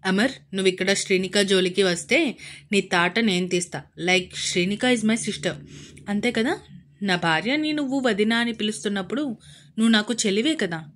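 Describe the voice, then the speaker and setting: A woman's voice: mid-range voice, normal speed, fairly bright tone, a little hiss or hum, lightly acted. A woman voicing a tender young husband. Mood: firm teasing. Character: young man, affectionate doting husband.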